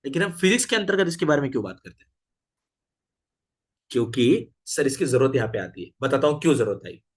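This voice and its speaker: A man's voice: mid-range voice, expressive, fast. A man teaching a physics class, often stopping to ask his students questions. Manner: switches between Hindi, English and Marathi, asks the class questions.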